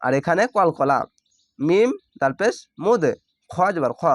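A man teaching Quran reading, spelling out each syllable and then drawing the word out slowly. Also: on the high side, animated, no room sound, clean studio sound. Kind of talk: step-by-step spelling lesson.

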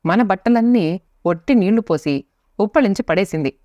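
A woman narrator voicing a sharp-tongued, quarrelsome middle-aged wife who scolds and resents her husband, in a storybook reading. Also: mid-range voice, animated, moderate pace, no echo, lightly acted. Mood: scolding. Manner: biting, scolding. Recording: dry, slightly muffled lo-fi recording.

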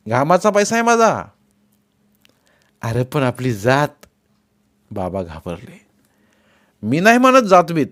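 A man narrating a novel as an audiobook, giving the characters' dialogue raised, forceful delivery. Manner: voices characters with rising pitch and force in dialogue. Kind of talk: dramatic audiobook reading.

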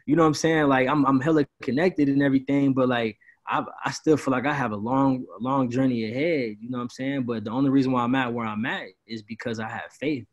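Over dull-sounding audio, the twenties-aged Peoria promoter talks at a quick clip with a mid-range voice and fairly even intonation. It's a casual video-call interview from a small room at home, and he stays laid-back and rambling, with plenty of "bro."

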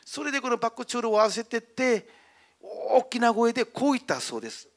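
A man preaching to children as their pastor, telling a story with animated, emphatic delivery and speaking to them directly. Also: very high voice, a little fast.

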